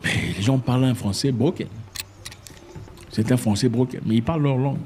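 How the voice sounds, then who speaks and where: A man giving his opinion to camera in a casual, emphatic way, with sudden jumps in pitch. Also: normal speed, slight background noise. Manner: animated and emphatic, with sudden high pitch jumps and mock voices. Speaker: commentator.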